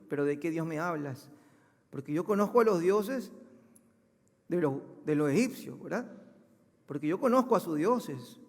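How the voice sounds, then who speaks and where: A male pastor preaching a sermon, building to loud, emphatic proclamations. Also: sits high, vocal fry, big-room sound. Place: church hall.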